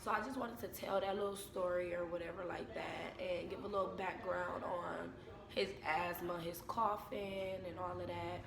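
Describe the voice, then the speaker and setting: A young American woman chatting casually to camera at home, telling stories in an informal, unhurried way. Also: lowish voice, fairly even intonation, creaky, a crowd in the background. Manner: informal, unhurried storytelling with repeated phrases. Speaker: vlogger and mother. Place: indoors at home. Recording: echoey room with background noise.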